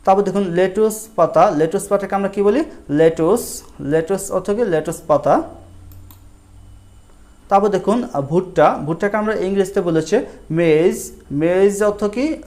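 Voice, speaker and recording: A man teaching a vocabulary lesson, asking and answering his own questions in a slow, repetitive drill. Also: sits high, a little mellow.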